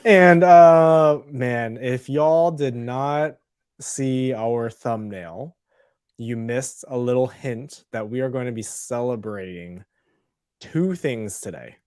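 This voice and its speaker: A man co-hosting a casual live podcast, chatty and relaxed with lots of fillers. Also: mid-range voice, slow, smooth, no echo, clean studio sound. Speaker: podcast co-host.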